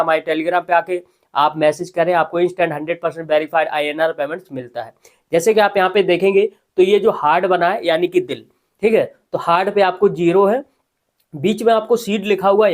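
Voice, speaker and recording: A man, talking casually as host of a tutorial voice-over, often adding "ठीक है". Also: sits high. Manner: conversational, repeats filler "ठीक है". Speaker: crypto news host. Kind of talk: screen-recorded tutorial voice-over.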